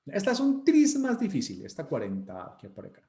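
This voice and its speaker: A man with a Colombian Spanish accent teaching an online class, joking and animated, sometimes putting on mocking voices. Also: on the high side, brisk, roomy sound. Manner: joking, animated, mocks students with put-on voices.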